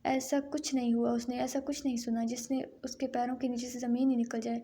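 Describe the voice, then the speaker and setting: A woman narrating a romance novel aloud in a steady, even storytelling manner. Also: a little high, a little hiss or hum. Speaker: audiobook narrator.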